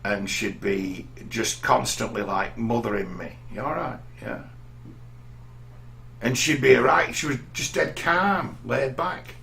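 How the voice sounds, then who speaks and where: A man's voice: mid-range voice, a little slow, creaky, few pauses, pushed and bright, slight background noise. A middle-aged man from England telling rambling personal stories in a casual monologue, often restarting his sentences. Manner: rambling, anecdotal, frequent restarts. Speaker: vlogger.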